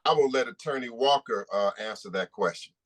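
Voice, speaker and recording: A man's voice: medium pitch, fairly quick, fairly bright tone. A man who is a civil rights attorney giving an impassioned, emphatic statement at a press conference, repeating points for stress.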